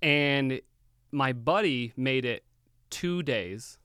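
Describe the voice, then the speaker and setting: A young man telling a story in casual chat, animated and swearing freely. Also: mid-range voice, very slow, clear, resonant tone, no echo, studio quality. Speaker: podcast guest.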